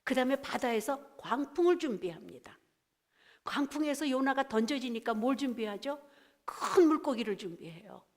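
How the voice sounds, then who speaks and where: A middle-aged woman pastor delivers a Sunday sermon in a high, bright-pitched voice. She tells the Bible story in animated fashion, slipping into the voices of its figures as she goes. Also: moderate pace. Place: church sanctuary.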